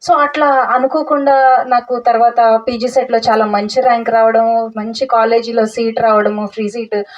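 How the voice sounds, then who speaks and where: A woman's voice: fairly high pitch, little pitch movement, normal speed. A young woman telling her own story at a meditation talk, earnest and full of restarts, mixing in English words. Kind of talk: personal testimony talk. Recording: dull audio from a distance.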